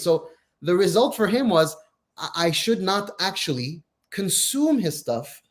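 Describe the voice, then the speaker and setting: A man co-hosting a casual religious chat, telling stories in an animated way and repeating phrases for emphasis. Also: on the high side. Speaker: co-host, Islamic teacher.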